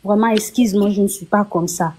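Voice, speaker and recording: A woman's voice: mid-range voice, steady tone, a little fast, dark tone. A woman from Kinshasa speaking as a guest on a live-stream debate, emotional and insistent, with a voice that trembles. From DR Congo, Kinshasa. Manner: shaky, emotional, apologetic, insistent.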